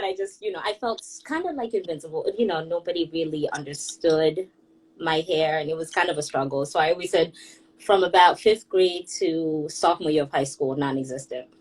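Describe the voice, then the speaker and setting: Husky-voiced young woman telling stories. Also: lowish voice, a little mellow, rough recording. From Kenya. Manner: chatty, laughs often while telling stories. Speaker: guest, hairstylist and blogger. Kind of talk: casual conversation on a group audio call.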